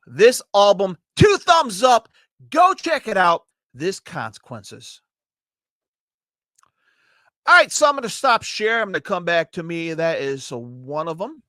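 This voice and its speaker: Excited Chicago man raving about metal. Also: mid-range voice, dry recording, clean studio sound. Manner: enthusiastic, profane, rambling with restarts. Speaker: podcast host reviewing metal albums. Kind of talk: casual solo podcast review.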